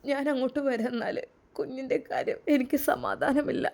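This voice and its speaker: A woman's voice: high voice, fairly even intonation, brisk, gravelly, darkish tone. A woman voicing a young religious teacher who talks in a sorrowful, tender way, with a Malappuram Malayalam accent. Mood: grieved. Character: stern religious young man, grieving father figure.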